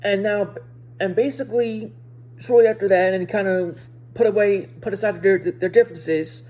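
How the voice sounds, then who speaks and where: On a rough recording, a video reviewer casually talks through a show for her viewers in a mellow, soft-edged voice pitched mid-range for a woman. A speech impediment makes her halting, and she keeps circling back to repeat or rephrase.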